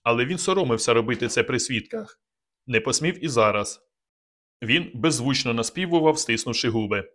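A man reads an audiobook aloud in a calm, measured way. His voice sits in the mid range, and the narration is scripted.

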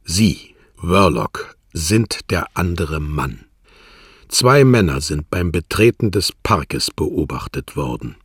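A man's voice: on the low side, expressive, slow, breathy edge, dry recording, studio quality, exaggerated voice. A man voicing a stern police chief inspector who presses with firm questions, in a radio drama reading. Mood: forceful.

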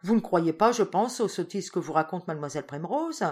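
A woman's voice: fairly low pitch, expressive, a little fast, darkish tone, lightly acted. A woman voicing a smug, lying young man. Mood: dismissive. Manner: cool, dismissive.

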